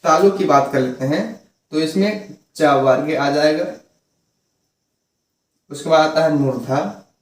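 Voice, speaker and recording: A man's voice: fairly high pitch, slow pace, long pauses, reverberant. Guy teaching grammar, asks then answers himself, sounds far off from the mic. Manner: patient, repeats words, asks and answers himself. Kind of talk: classroom grammar lesson.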